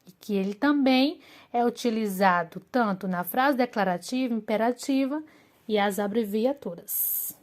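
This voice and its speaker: Woman teacher, slightly high voice, slow and deliberate, sprinkles fillers while explaining. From Brazil. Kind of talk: remote class lesson.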